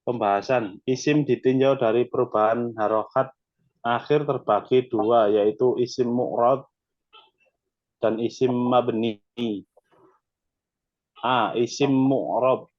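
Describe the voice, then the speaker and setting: A man reads a lesson text aloud very slowly, pronouncing each Arabic example with care before translating it. His voice sits at an ordinary pitch. The audio is dry and lo-fi, as over a call. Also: fairly even intonation, dry recording. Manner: slow, careful reading with Arabic examples. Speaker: student. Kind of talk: reading a textbook aloud. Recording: dull, dry lo-fi sound.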